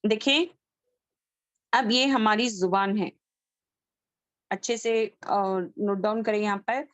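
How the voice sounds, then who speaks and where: A woman's voice: mid-range voice, fairly even intonation, takes it slowly, dry recording. A woman teaching an online Quran recitation class over a video call. She speaks patiently and says each letter several times so her students can repeat it after her.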